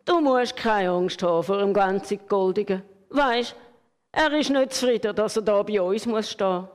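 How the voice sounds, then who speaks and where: A kind, soothing round red pen from a storybook, speaking, as a woman acts him out. Middle pitch, with a long hall reverb trailing each word. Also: moderate pace, close to an everyday voice. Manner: soothing, reassuring.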